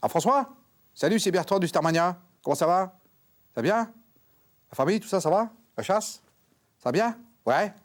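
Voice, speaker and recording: An actor playing a crude, dim fairground owner who claims to talk with the dead, in a slangy, rambling way. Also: male voice, on the low side, sing-song, fast talker, a little mellow, breathy edge, heavily acted. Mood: chirpy on phone. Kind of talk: comedy sketch acting.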